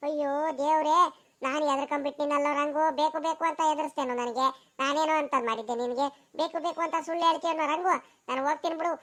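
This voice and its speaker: Woman voicing high rapid-fire village girl. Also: a bit bright. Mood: accusing. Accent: Karnataka rural Kannada. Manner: scolding, dramatic sighs. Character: village woman Ningi, scolding sweetheart. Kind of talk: cartoon voice acting.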